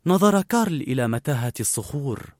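A man narrating a storybook in an expressive, animated reading. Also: medium pitch, brisk, dry recording, clean studio sound.

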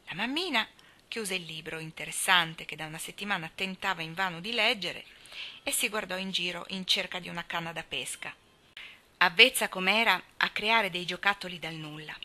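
A woman reading a classic children's novel aloud in a measured storytelling manner. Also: lowish voice, pushed and bright. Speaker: audiobook reader.

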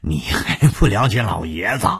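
A man voicing a sly middle-aged henchman who talks in an offhand, chuckling, higher-pitched voice. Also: big pitch swings, measured pace, fairly bright tone, breathy edge, full character voice.

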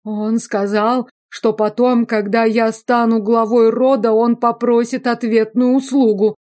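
A woman voicing a whiny, cowardly young nobleman from a fantasy audiobook, whining in shrill protests. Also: flat delivery, unhurried, darkish tone, close to an everyday voice.

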